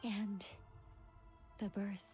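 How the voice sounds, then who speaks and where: A woman playing a solemn, mysterious voice of doom in a video game, breathy, grave and deliberate. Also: mid-range voice, level tone, darkish tone. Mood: ominous, solemn. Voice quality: breathy, whispery. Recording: game music behind the voice.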